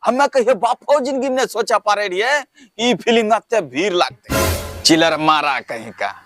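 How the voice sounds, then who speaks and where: Man as a boastful rustic dad, loud theatrical bragging, high lively voice. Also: normal speed, music in the background. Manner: brash, boastful, theatrical bluster. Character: boastful middle-aged village father, film superfan. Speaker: comedy sketch performer. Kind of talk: rustic comedy skit.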